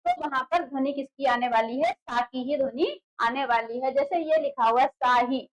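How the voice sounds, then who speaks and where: A woman with a high voice gives an exam-prep lesson at the board. She explains patiently, repeats key words and asks quick rhetorical questions that she answers herself. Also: rough recording. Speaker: Hindi teacher for exam prep. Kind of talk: classroom lecture at a board.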